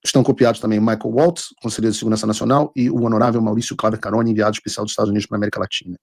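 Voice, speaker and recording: A man with a Brazilian accent and a husky voice, hosting a live political show with commentary and read-out texts. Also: fairly low pitch, fairly even intonation, rapid-fire, darkish tone, no room sound, studio quality.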